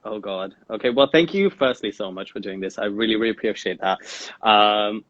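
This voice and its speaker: A man's voice: on the low side, brisk, fairly bright tone, lo-fi sound. A man hosting a casual live-stream interview, chatty and effusive, repeating his welcomes. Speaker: host.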